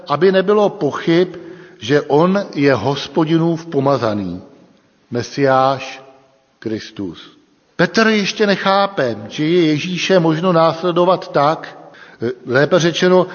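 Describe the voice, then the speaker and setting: A man preaching a sermon in a church, with a measured, deliberate delivery and emphatic pauses. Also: on the high side. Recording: long reverb, dull lo-fi sound.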